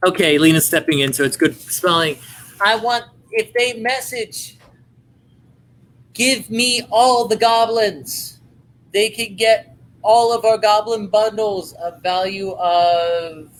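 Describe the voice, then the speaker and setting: A man hosting a live-stream sale, giving a playful, hammy home-shopping style sales pitch with chatty patter. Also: measured pace, fairly bright tone, slight background noise, low-quality recording.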